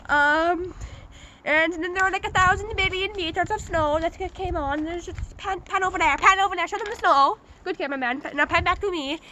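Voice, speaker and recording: A woman's voice: extremely high pitch, bright, forceful tone, slight background noise, rough recording. A woman playing a goofy male TV weatherman who rambles through absurd reports, full of ums and uhs. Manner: rambling, filler-heavy, absurd bluster. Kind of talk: amateur mock newscast.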